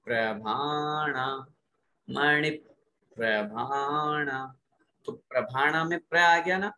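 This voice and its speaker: A man teaching careful pronunciation of sacred verses, slowly chanting each phrase for students to repeat and then explaining the rules more briskly. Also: medium pitch, bright, forceful tone, a little hiss or hum, low-quality recording. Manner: slow drawn-out recitation alternating with brisk explanation. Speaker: religious recitation teacher.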